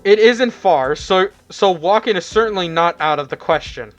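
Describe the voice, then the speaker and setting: A man's voice: sits high, expressive, normal speed, faint music behind. A man narrating a fan visual novel aloud, often stumbling and rereading words, with chatty asides. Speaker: narrator reading a fan game.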